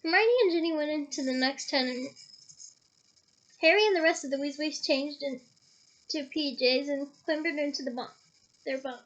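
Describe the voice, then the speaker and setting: High-voiced woman reading a novel aloud. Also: moderate pace, pauses often, fairly bright tone, rough recording. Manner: casual, stops to comment and laugh. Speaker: audiobook reader.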